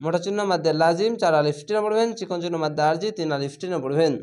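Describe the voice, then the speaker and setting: A man teaching Quran reading, spelling out each letter and vowel mark, then blending the syllables into a drawn-out chanted word, with a Bangladeshi Bengali accent. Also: fairly high pitch, darkish tone. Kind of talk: spelling-out Quran recitation lesson.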